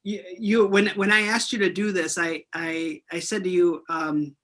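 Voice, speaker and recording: A man's voice: sits high, flat delivery, normal speed, pushed and bright. A man hosting an interview, chatty and friendly, often restarting his sentences. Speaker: interview host. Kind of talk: casual interview.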